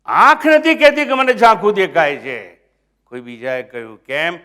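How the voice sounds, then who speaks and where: A high-voiced older swami with a Gujarati accent delivers a sermon. He drops to near murmurs, then rises to loud, emphatic points. He keeps quizzing his listeners and mixes English phrases into his talk. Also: animated, moderate pace, clean tone. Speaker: swami giving a spiritual discourse.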